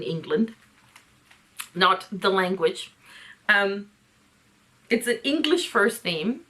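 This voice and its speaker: A woman's voice: medium pitch, pushed and bright. A woman hosting a casual book breakdown, giving sarcastic, exasperated commentary. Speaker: host.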